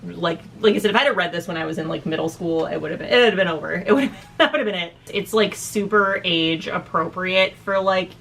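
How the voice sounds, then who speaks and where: A woman in her thirties with a slightly low voice chats casually about books over noticeable background noise. She rambles in a slangy, giggly way and sometimes loses her thread. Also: fast, gravelly, hardly any pauses, fairly bright tone, recorded from a distance. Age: 30s. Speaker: book review co-host. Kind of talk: casual book review chat.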